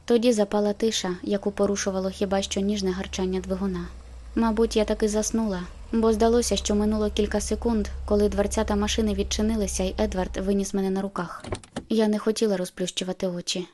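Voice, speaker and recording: A woman reading an audiobook in an even, subdued way. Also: mid-range voice, quick pace, a little hiss or hum. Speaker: audiobook narrator. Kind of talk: scripted narration.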